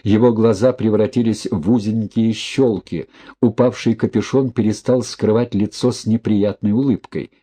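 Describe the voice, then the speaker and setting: Husky low-voiced man narrating a thriller. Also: dark tone. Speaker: audiobook narrator. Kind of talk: scripted narration.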